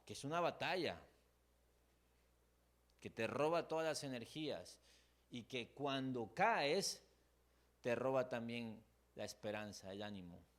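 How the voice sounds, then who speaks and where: A man's voice: medium pitch, animated, unhurried, pauses often. A man with a Mexican accent preaching a sermon as a pastor, emotive, acting out the struggles of his listeners.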